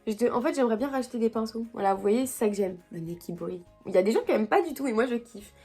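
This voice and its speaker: A woman's voice: on the high side, expressive, racing, mellow, soft background music. Chatty young woman vlogging her makeup. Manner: chatty, slangy, rambling with many fillers and restarts. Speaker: beauty vlogger. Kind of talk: casual makeup vlog chat. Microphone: camera mic.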